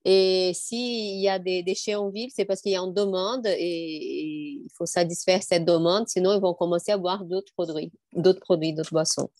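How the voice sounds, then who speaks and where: A woman's voice: on the low side, fairly even intonation, normal speed, hardly any pauses, darkish tone, no echo. Woman chatting on a panel, dry sound. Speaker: wine trade panelist. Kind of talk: casual panel discussion.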